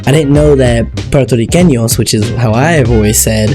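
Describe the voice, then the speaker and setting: Male TV episode reviewer from Ecuador, loose and rambling, music clearly audible underneath. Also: medium pitch, normal speed. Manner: rambling, searching for words. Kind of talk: casual review commentary. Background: music playing.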